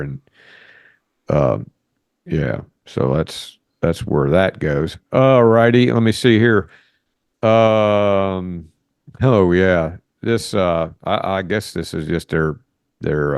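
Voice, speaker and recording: A man's voice: rumbling low, a little mellow, dry recording, studio quality. A man co-hosting a podcast, chatting casually and rambling with lots of uh and restarts. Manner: rambling, many fillers and restarts. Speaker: podcast co-host.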